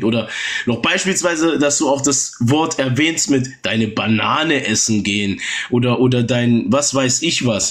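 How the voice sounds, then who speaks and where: A man hosting a live stream in casual chat, talking calmly and mockingly and tagging his sentences with short questions as he switches between German and English. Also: mid-range voice. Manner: mocking calm, repeats short tag questions. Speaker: livestream host.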